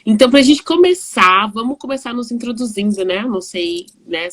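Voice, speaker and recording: A woman in her forties from São Paulo with a São Paulo Brazilian Portuguese accent, chatting warmly as host of a live video call, with frequent restarts. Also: fairly high pitch, animated, moderate pace. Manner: chatty, warm, laughing often, many restarts. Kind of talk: casual video call chat.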